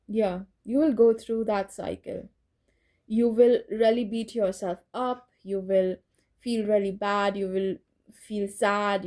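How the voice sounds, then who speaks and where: A woman talks through a tarot reading in a casual, meandering way. Her voice is mellow and warm at a middle pitch. She often restarts her sentences and laughs off her own slips. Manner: rambling, self-correcting, laughs at herself. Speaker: tarot reader.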